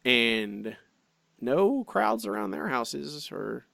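In a gravelly, mid-range voice that draws out its words, a man co-hosting a casual podcast reads comments aloud. He's chatty and animated, full of restarts and tangents, and the recording is dry and close with no sense of room.

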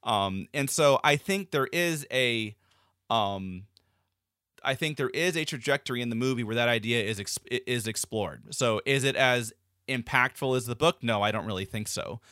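A man's voice: mid-range voice, moderate pace, pushed and bright, clear, resonant tone, no room sound, studio quality. A man co-hosting a podcast, talking things through thoughtfully with many fillers and restarts. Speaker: podcast co-host. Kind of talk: casual discussion.

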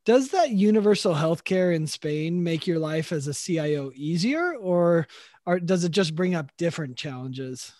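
High-voiced American man hosting. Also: lively intonation, moderate pace, a little mellow, no room sound, studio quality. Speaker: podcast host. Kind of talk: podcast hosting, interview.

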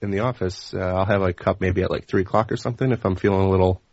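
A man with an American accent and a deep, bassy radio voice, chatting casually and quietly on a podcast. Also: fairly even intonation, quick pace, no room sound, muffled recording. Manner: laid-back, low-volume talking. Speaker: podcast guest, baseball writer.

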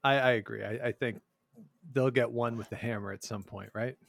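A man's voice: medium pitch, steady tone, a little fast, vocal fry, no room sound. A man with a mid-range voice co-hosts a casual sports talk show. He talks with a wry, sarcastic edge and slips chuckles into his asides. The sound is dry and close, with no room sound. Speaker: podcast co-host.

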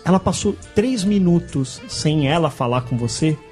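A Brazilian man with a high voice trades loud, joking banter as a podcast co-host. He tells stories with animated energy. Faint music plays behind him. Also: normal speed. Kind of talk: casual banter.

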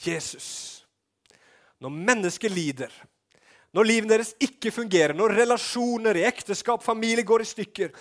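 A man preaching a sermon with fervor, often shouting and then dropping to a hush. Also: very high voice. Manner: fervent, often shouting, with swings between loud and hushed.

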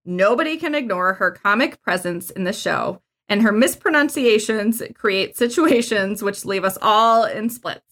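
A woman's voice: a little high, a bit bright. A woman co-hosting a podcast, reading list entries aloud in a casual chat with chatty little asides. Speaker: podcast co-host.

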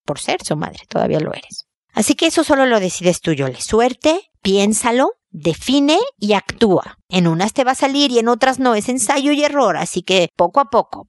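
A woman's voice: medium pitch, no room sound. Brief: middle-aged woman, advice host, chatty, acts out scenes, dry close sound. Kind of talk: advice talk to a listener.

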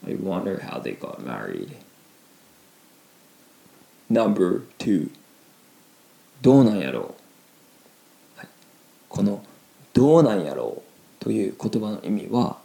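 A young man with a Kansai accent teaches Japanese phrases in an easy, chatty way, leaning on fillers as he explains. His voice is low and warm with a gravelly edge. His pitch moves a lot. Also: takes it slowly, pauses often. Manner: relaxed, chatty, with frequent fillers. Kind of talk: casual language lesson.

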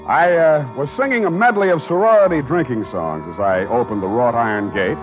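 Guy doing a wry hard-boiled private eye, lively sardonic delivery, muffled old radio with faint music. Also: medium pitch, brisk, lightly acted. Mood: narrating. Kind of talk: 1940s radio acting.

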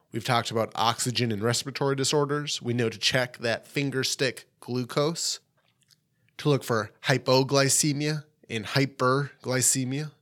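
A man hosting an educational medical podcast, teaching in an emphatic, deliberate and informal way with short, repeated points. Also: mid-range voice, a bit bright.

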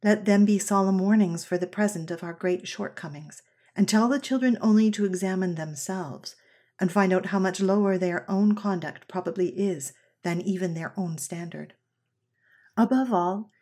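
A woman reading an old essay aloud as scripted narration, in a measured, earnest way. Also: lowish voice, mellow. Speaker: reader of an old parenting essay.

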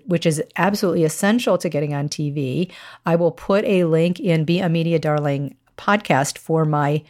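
A woman hosting a podcast as a media coach, giving instructional advice in a clear, measured way. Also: lowish voice, darkish tone.

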